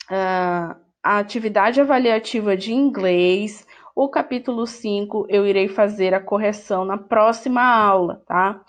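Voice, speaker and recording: A woman teacher with a Brazilian Portuguese accent, correcting a workbook in an online lesson, who speaks patiently and repeats each word. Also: medium pitch. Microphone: screen recording with voice-over.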